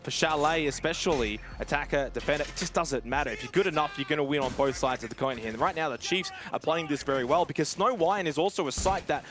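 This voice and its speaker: An esports commentator with a fairly high voice gives fast, fluent play-by-play and analysis of a competitive shooter, barely pausing. Music plays behind him.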